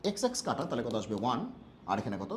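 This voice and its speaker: Animated, joking math tutor, man. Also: mid-range voice, slight background noise. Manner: playful, jokey teaching with homely analogies; talks fast on purpose. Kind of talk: exam-prep math lesson.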